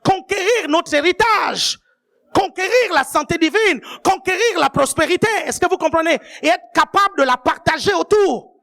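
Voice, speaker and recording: Woman, preacher, sermon, high voice, emphatic, checks in with the congregation, shouted high points. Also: expressive, normal speed, vocal fry.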